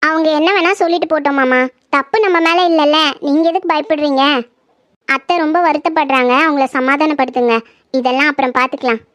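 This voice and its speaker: A woman voicing a young daughter-in-law who patiently calms her grieving elders in a dramatized horror story. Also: high voice, fairly quick, no room sound, clean studio sound. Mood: soothing. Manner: soothing, reassuring.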